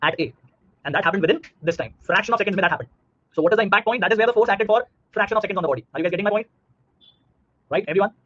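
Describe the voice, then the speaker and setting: Rapid-fire Indian man teaching, slightly husky. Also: high-pitched, a bit bright, dull audio. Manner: repeats himself, checks understanding with questions. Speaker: online physics teacher. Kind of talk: live online lesson.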